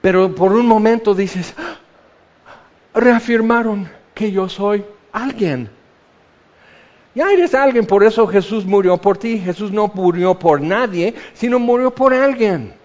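Pastor guy preaching, lively, acts out little voices, kinda muffled lo-fi audio. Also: high-pitched, normal speed, few pauses. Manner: animated, acts out quoted voices. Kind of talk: sermon.

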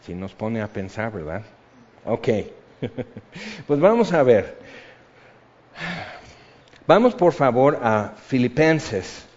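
A man preaching a sermon, animated, swinging between loud bursts and hushed, intimate passages. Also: medium pitch, takes it slowly, long pauses. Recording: dull lo-fi sound.

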